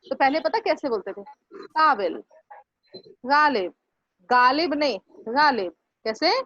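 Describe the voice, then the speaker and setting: A woman teacher with a high voice patiently drills her pupils, saying each word again and breaking it into its sounds. The sound is dull and lo-fi. She asks the class often whether they follow. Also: animated, normal speed, fairly bright tone, no room sound. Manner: patient, repeats words syllable by syllable for students. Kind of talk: online class lesson.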